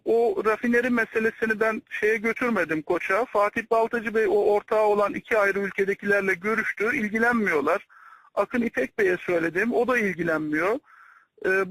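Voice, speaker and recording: A man's voice: high-pitched, a bit bright, no echo, poor audio. A man speaking respectfully over a landline phone, reporting to a superior in a recorded private call. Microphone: telephone line.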